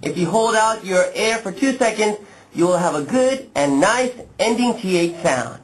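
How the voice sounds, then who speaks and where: A man presenting a pronunciation lesson to learners, modeling speech slowly and with exaggerated, deliberate clarity. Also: high-pitched, lively intonation, rough recording. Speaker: pronunciation teacher, lesson host. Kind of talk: instructional lesson to camera, addressing learners.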